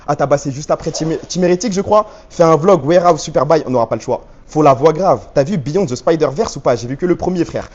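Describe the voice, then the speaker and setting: Here a man whose voice sits on the high side, with a darkish tone, streams live through a stabilized handheld phone rig, trading slang-filled banter with viewers and reading their chat aloud. The audio sounds dull.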